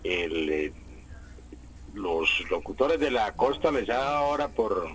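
A man, a language expert answering listeners' questions on a radio call-in show. He explains pronunciation rules, repeating words slowly to contrast them. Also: fairly low pitch, sing-song, poor audio. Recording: radio broadcast with faint noise.

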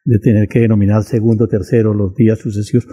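A man on a radio panel, speaking formally in measured, elaborate sentences. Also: on the low side, little pitch movement, dark tone, slightly rough. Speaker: studio panelist.

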